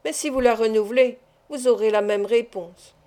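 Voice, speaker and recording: A woman's voice: fairly high pitch, moderate pace, mellow, natural voice. A woman reading the part of a stern, proud fisherman who refuses curtly and turns angry. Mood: firm. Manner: curt, firm refusals rising to anger. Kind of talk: audiobook character reading.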